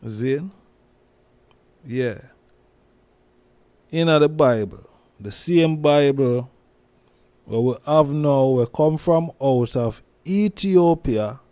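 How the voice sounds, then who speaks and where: A man with a Jamaican accent, talking through a casual commentary monologue as host, slowly, with many restarts and repeated words. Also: medium pitch, dark tone, no echo. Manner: slow, repetitive, with many restarts and "you see me?".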